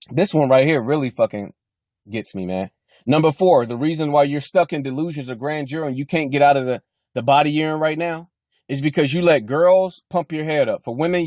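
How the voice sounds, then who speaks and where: A young man tears into his viewers in a blunt, mocking rant, swearing nearly every line. His voice sits high for a man. The sound is dry and close, with no room around it. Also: darkish tone, no echo. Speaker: fitness vlogger. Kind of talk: profane motivational rant.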